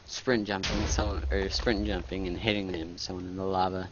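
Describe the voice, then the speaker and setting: A man with a fairly low voice chats easily about the game, pausing and restarting as he thinks. The audio is muffled and lo-fi, with a faint hiss. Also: little pitch movement. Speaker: tournament commentator. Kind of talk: casual game commentary. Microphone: online voice chat mic. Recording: dull lo-fi voice chat with faint noise.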